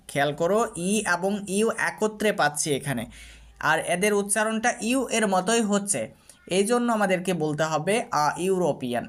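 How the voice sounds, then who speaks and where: A man with a Bengali accent explains English grammar in the steady manner of a classroom teacher. He repeats example words and drills them patiently. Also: high voice. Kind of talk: explaining lesson to students.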